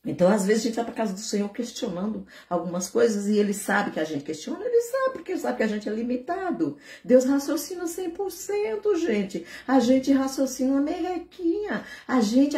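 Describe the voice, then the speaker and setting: Woman preacher, mellow tone, chatty animated sermon, roomy echo. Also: mid-range voice. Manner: conversational, animated preaching with acted prayers.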